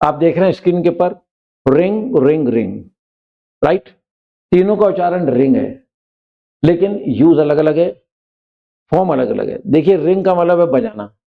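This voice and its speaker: Gravelly-voiced man teaching English vocabulary. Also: a little high, expressive, muffled recording. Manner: explains in Hindi, reads English examples slowly and deliberately. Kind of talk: vocabulary lesson.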